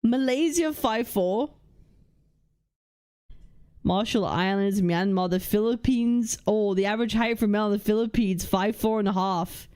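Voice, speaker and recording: Thinking out loud on her casual livestream, a young woman from the United Kingdom reads chat messages and lists aloud, swearing freely and speaking bluntly. Her voice is smooth and medium in pitch, and her pace is measured.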